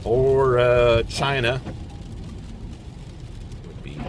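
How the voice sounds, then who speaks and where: A man's voice: medium pitch, expressive, extremely slow. Sarcastic ranting man, outdoor traffic noise. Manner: sarcastic, mocking, repeats words in singsong. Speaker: political commentator. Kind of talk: ranting monologue.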